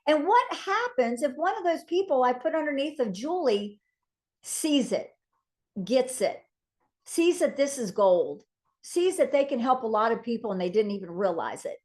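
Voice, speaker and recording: High-voiced chatty woman coaching her team. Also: moderate pace. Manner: animated, acts out phone conversations in lively voices; casual, chatty, keeps asking "right?". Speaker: sales team trainer.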